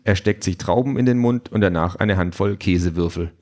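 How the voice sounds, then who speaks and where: Low-voiced male audiobook narrator. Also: brisk, darkish tone. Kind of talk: scripted narration.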